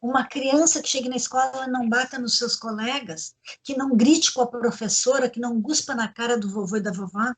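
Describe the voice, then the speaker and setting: A woman's voice: a little high, steady tone, a little fast, few pauses. A woman, hosting a panel discussion on parenting and earnestly instructing the audience. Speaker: host, educational psychologist.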